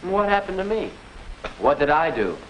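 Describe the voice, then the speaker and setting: A man's voice: a little high, sing-song, normal speed, a bit bright, slight background noise. An actor playing a curious, easily delighted young male student, asking wondering questions in a 1950s educational film. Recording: old film soundtrack, voice far from mic.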